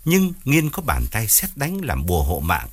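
Guy reading a story, lowish voice that swings up and down a lot. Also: moderate pace. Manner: steady storytelling, voices each character. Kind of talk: audiobook story narration.

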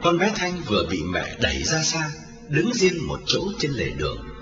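Man, dramatic story narration, very lively pitch, echoey, muffled, music behind. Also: moderate pace. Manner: expressive storytelling. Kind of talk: dramatic audiobook reading. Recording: roomy, lo-fi, distant, with music.

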